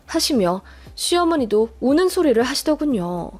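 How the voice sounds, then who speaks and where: A woman's voice: fairly high pitch, animated, normal speed, darkish tone. A woman narrating a dramatic first-person family story in a scripted, emotional style.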